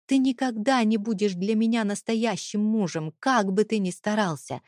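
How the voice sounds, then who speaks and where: A woman voicing a trapped young wife who fights back with raised, shouting accusations. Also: on the high side, expressive, a little slow, breathy edge, no echo, studio quality, pitched above the performer's own voice.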